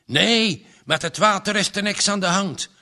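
A man voicing an urgent, gravelly village watchman. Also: sits high, unhurried, pushed and bright, voice pushed up, exaggerated voice. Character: determined grown man, a villager on night watch.

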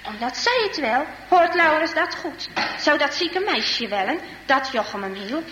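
A woman reading a children's story aloud with expressive, dramatic storytelling, in an echoey hall with faint noise. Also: high-pitched, measured pace.

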